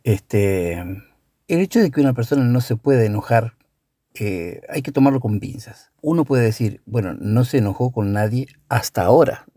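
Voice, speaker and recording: Thoughtful rioplatense father, dark voice. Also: medium pitch, lively intonation, no echo, clean studio sound. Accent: Rioplatense Spanish. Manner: measured, thoughtful, with fillers. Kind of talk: casual reflective conversation.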